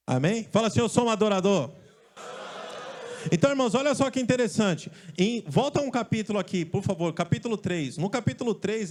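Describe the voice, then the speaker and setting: A male pastor from Brazil preaching a lively sermon, joking and calling out to his congregation. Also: sits high. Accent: Brazilian Portuguese. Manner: lively, joking storyteller who calls out to the congregation. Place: church stage.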